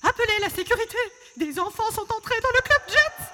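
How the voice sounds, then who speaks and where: A woman's voice: extremely high pitch, animated, a little fast, heavy background noise, voice pushed up. A woman voicing a fussy male turkey who hosts a karaoke show, showy and bossy. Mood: hosting.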